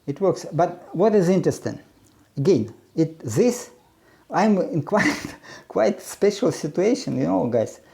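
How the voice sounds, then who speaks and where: A Ukrainian man with a gravelly, high voice, big pitch swings and a dark tone presents his self-run research project. It's a casual, unscripted monologue, halting and full of restarts and filler sounds, and he's blunt and opinionated.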